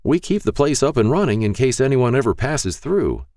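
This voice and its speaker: A man voicing a frail, kindly old male shopkeeper who turns out to be a ghost, talking in a gentle, folksy way. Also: mid-range voice, very animated, moderate pace, no echo, clean studio sound, voice pushed up, lightly acted.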